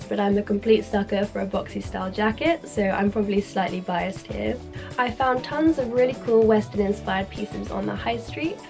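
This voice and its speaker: Speaking at medium pitch with a creaky, darkish tone, a British fashion creator talks informally through a style guide. Her upbeat, scripted address to camera is marked by a strained, ill-sounding voice from a sore throat.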